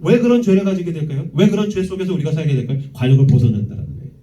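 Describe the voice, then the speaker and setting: A man's voice: a little high, racing. A man in his thirties, a youth pastor, preaching a sermon in a church and acting out the voices in his stories. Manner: animated preaching, acts out quoted voices, laughs at own stories. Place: church sanctuary. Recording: echoey room, heard from a distance.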